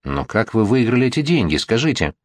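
A lady speaks hesitantly and carefully, as a man reading an audiobook voices her. The voice is low and the recording is dry and close. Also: big pitch swings, fairly quick, no room sound. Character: anxious secretly married lady.

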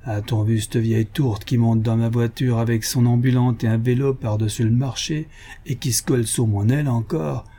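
A man's voice: mid-range voice, fairly even intonation, moderate pace, dark tone, husky. A man reading a storybook voices a rude old-time cab driver who hurls mocking insults.

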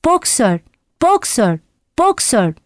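A woman's voice: on the high side, very animated, slow pace, no room sound, studio quality. A woman voicing a sturdy motherly mare who cries out desperately. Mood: desperate crying. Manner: crying out desperately.

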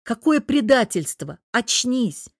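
A woman's voice: on the low side, normal speed, darkish tone, no room sound, clean studio sound, natural voice. A woman voicing a confident, teasing young husband in an audiobook, with an easygoing manner. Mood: startled. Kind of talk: audiobook character voice.

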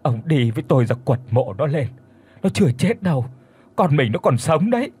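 A man's voice: on the high side, big pitch swings, normal speed, a little mellow, slightly rough, full character voice. A man voicing a grieving, frantic middle-aged mother, wailing and pleading. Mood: anguished.

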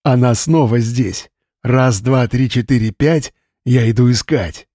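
A man's voice: mid-range voice, measured pace, mellow, dry recording, clean studio sound, close to an everyday voice. A man doing an eerie childlike village simpleton.

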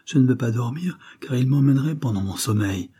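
A man voicing a terrified male bandit captain who begs and cries out, frantic and rising in pitch. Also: expressive, fairly quick, dark tone, husky. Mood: drowsy dread.

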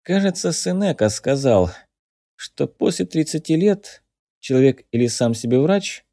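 A hardened ex-officer in his forties, curt and dryly joking even in a prison cell, as a man reads him in an audiobook. The tone is low-key and mellow, close to the reader's natural voice, recorded dry and close. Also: a little slow, no echo. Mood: wry. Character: tough, wry former Cossack officer in his forties.

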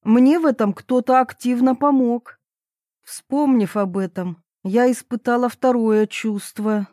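A woman narrates an audiobook in the first person, wry and lively. Her voice sits a little high. The sound is close and dry, with almost no room around it. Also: measured pace, no room sound.

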